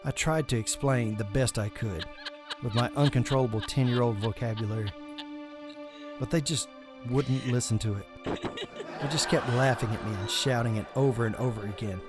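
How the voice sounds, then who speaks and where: A man's voice: mid-range voice, normal speed, over music. Man narrating a tense horror tale. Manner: intense and confessional, swears often. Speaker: storyteller.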